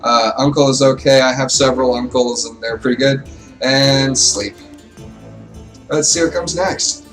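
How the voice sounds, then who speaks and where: A man's voice: mid-range voice, fairly even intonation, measured pace, fairly bright tone, faint music behind. A man hosting a casual let's play at home, explaining the game in a conversational way with fillers, heard with faint noise from a distant mic. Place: home, with his wife.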